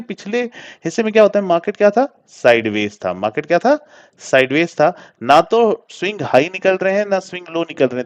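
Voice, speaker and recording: A man giving a screen-share trading lesson, explaining step by step, often asking and answering his own questions and slipping English words into his talk. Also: medium pitch. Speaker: trading teacher. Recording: dull lo-fi sound.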